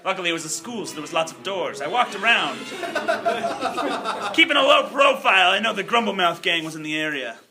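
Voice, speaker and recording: A man playing a hard-boiled 1950s private eye, narrating in deadpan noir style and sometimes laughing. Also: high-pitched, a little fast. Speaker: narrator and lead player. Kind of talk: improvised noir detective parody. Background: music.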